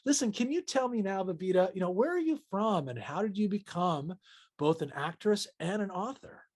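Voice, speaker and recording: A man's voice: high voice, lively intonation, moderate pace, darkish tone. Rambling enthusiastic male interviewer. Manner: rambling, enthusiastic, many fillers. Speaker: interview host. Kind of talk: casual interview questions.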